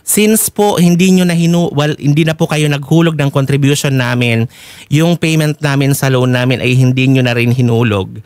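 Seated at a desk mic in a broadcast studio full of his fellow workers, a Filipino-accented factory worker presses his complaints in a formal, insistent manner. He keeps a medium pitch, steady tone, and moderate pace, sounding a little mellow with no echo.

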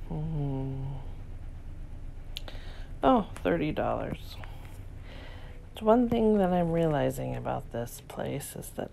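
A woman vlogger and reseller casually narrating as she browses an antique store, softly marveling and sometimes dropping to a whisper. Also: low-pitched, creaky, background noise. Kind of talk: casual shop-along narration. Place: cluttered indoor antique store.

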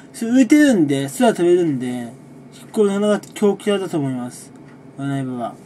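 A man who makes gaming videos, chatting casually through a monthly recap, relaxed and rambling with frequent chuckles between sips of a drink. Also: fairly high pitch, brisk, a little hiss or hum. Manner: talks while sipping a drink.

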